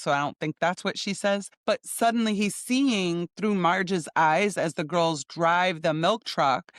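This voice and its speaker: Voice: medium pitch, a bit bright, dry recording, studio quality. A podcast host giving a casual, chatty recap of a TV episode, thinking aloud with small laughs and restarts.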